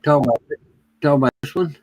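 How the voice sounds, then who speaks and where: A man's voice: fairly high pitch, rapid-fire, darkish tone, rough recording. A man hosting a livestream, chatting casually in a blunt, colloquial way. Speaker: livestream host. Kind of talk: casual chat.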